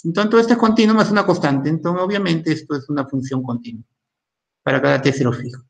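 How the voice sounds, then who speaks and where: A man's voice: fairly high pitch, quick pace, vocal fry. A man teaching a recorded university math lecture in in, thinking aloud and often stopping to ask "¿no?".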